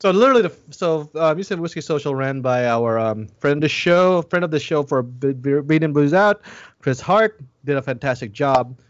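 A man's voice: a little high, animated, normal speed, no echo, lo-fi sound. A man co-hosting a podcast in casual chat, rambling with many restarts and fillers. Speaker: podcast co-host.

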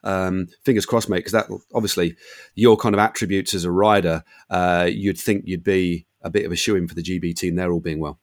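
A man's voice: low-pitched, fairly even intonation, brisk. A middle-aged British man hosting a casual interview, chatty, matey and effusive with his enthusiasm. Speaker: podcast host.

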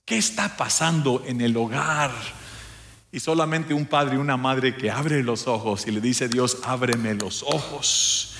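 A male pastor delivers a sermon to his congregation. He preaches emphatically, often calling out to the listeners, and sometimes slips English words into his speech. His voice sits at an ordinary middle pitch for a man. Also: measured pace, a bit bright, slight background noise. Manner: drops English words into Spanish.

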